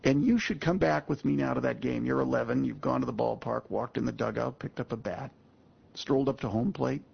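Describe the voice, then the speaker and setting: A man's voice: mid-range voice, brisk, creaky, husky. A man in his sixties, a guest speaker telling a personal story to an audience in a folksy, emphatic way, addressing the listeners directly. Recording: muffled lo-fi audio.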